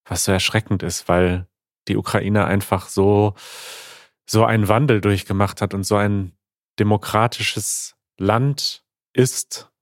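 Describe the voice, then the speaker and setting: A man co-hosting a podcast, speaking in a serious, measured way with small fillers as he reads listener messages. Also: on the low side, fairly even intonation, no room sound, studio quality. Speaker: podcast co-host. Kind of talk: conversational podcast talk, reading listener messages aloud.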